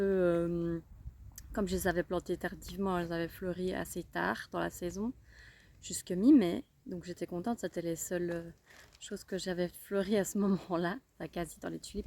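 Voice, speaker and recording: Recorded outdoors with a little hiss or hum, a woman with a Belgian French accent talks casually about her garden and bulbs as a gardening vlogger. Her voice is lowish and mellow, and her chat is full of fillers and restarts.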